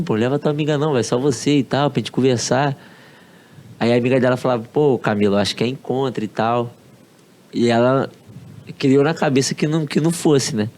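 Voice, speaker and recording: Carioca man telling a story casually. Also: mid-range voice. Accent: Carioca Brazilian Portuguese. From Rio de Janeiro, Brazil. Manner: slangy, relaxed, acts out quoted dialogue. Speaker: podcast guest.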